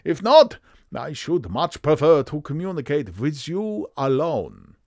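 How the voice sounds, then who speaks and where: A man's voice: big pitch swings, a little slow, a little mellow, no room sound, clean studio sound. A man voicing an imperious, secretive Bohemian count with a harsh voice and a German accent, formal and emphatic, in an audiobook. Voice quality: deep, harsh.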